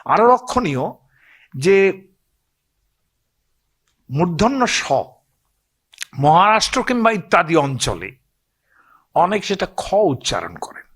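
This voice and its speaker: A man's voice: high voice, sing-song, takes it slowly, pauses often, a bit bright, slightly rough. A man with a Bengali accent telling old stories to an audience in a loose, digressive way, often asking listeners to agree. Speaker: speaker on scripture and myth. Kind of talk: storytelling talk to an audience.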